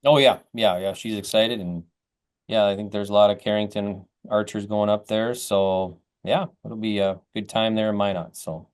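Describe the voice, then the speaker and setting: A man's voice: fairly low pitch, fairly even intonation, normal speed, clear, resonant tone. Folksy man hosting a local chat show. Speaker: host of a local chat program. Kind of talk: casual community interview.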